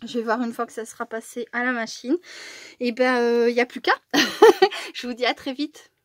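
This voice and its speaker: Chatty higher-voiced woman crafting vlogger. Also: little pitch movement, brisk, a bit bright, no room sound. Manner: chatty, many fillers, frequent small laughs. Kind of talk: casual unboxing and crafting chat.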